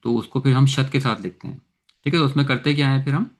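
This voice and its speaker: In an online lesson on Arabic grammar taught in Urdu, a man speaks haltingly, using lots of filler sounds and often slipping into English terms. His voice is medium-pitched and steady.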